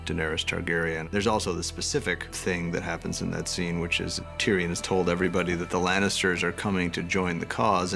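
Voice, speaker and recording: A man's voice: low voice, creaky, a bit bright. A man talking as a series creator in behind-the-scenes interview commentary.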